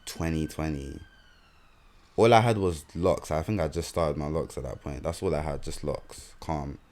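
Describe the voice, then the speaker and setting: A man's voice: extremely low pitch, moderate pace, a little mellow. A young man with a London accent, co-hosting a podcast and telling rambling stories full of slang in casual chat. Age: young adult. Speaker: podcast co-host.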